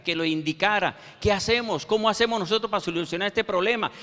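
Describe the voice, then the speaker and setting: A man preaching a sermon, quoting scripture verses with slow, emphatic pauses. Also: sits high, pushed and bright. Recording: reverberant hall.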